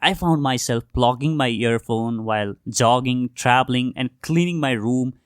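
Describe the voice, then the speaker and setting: A young Nepali man hosts his podcast with a medium-pitched, smooth voice at normal speed. His earnest, scripted monologue speaks straight to listeners, calling them "guys." The studio-quality sound has no room echo.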